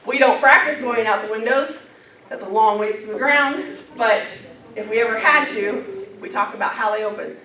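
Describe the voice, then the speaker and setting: A woman's voice: fairly high pitch, normal speed, bright, forceful tone. A woman trainer talking to bus drivers at a staff safety meeting, chatty and plain-spoken, often laughing. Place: meeting room. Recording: echoey room, mic at a distance, group audible. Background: audience of drivers.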